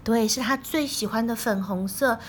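A woman reading a picture book aloud to a child, playful and animated, asking the child questions. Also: fairly high pitch, moderate pace, slight background noise.

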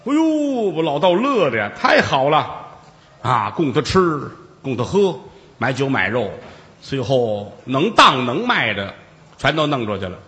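A man's voice: medium pitch, big pitch swings, unhurried, bright, forceful tone. A man telling a traditional story, chatting with listeners in asides. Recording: long reverb.

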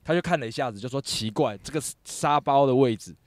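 A man's voice: medium pitch, fast, no echo. A young man, co-hosting a casual chat and telling work stories with a laugh. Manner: animated, laughs through his stories. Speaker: podcast co-host, former film art crew.

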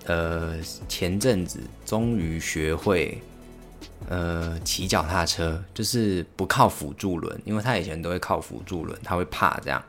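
A young man with a Taiwanese Mandarin accent, hosting a casual solo podcast and telling stories in a halting way, with many fillers and restarts. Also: low-pitched, fairly bright tone, soft background music. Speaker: podcast host.

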